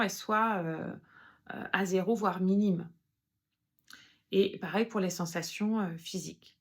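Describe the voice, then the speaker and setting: A woman calmly explaining and demonstrating an emotional tapping exercise, with frequent hesitant fillers. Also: medium pitch, creaky. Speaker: EFT practitioner. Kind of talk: guided self-help demonstration.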